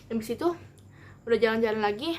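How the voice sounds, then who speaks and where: A woman's voice: on the high side, fast, very noisy. Chatty young woman with slang. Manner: animated, rambling, acts out every quote. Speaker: vlogger. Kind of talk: casual storytime vlog.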